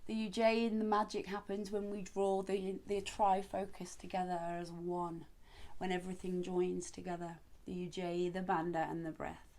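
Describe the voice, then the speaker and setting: A woman instructing as a yoga teacher, guiding breathing in short, measured, spaced phrases. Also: lowish voice, flat delivery, a little mellow.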